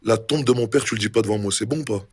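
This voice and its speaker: Husky young man trash-talking on stream. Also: on the low side, fast talker. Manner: mocking, taunting, insulting. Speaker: streamer in a role-play game. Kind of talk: casual trash talk on stream.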